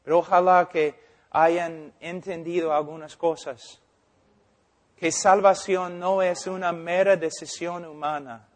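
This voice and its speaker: Male pastor preaching, slow emphatic delivery, reverberant church hall. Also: fairly high pitch, steady tone. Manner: preaching with slow deliberate emphasis, acting out quotes. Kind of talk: sermon. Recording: long reverb of a large hall.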